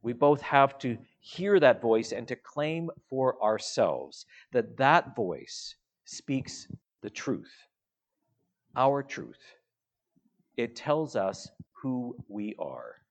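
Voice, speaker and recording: A man preaching a sermon in a slow, measured way, letting his phrases trail off softly. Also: medium pitch, sing-song.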